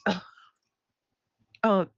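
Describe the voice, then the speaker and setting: A woman's voice: very slow, dry recording. An overwhelmed, upset woman chatting casually and confessionally on a live stream, with a stuffed-up nose. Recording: slightly dull, dry audio.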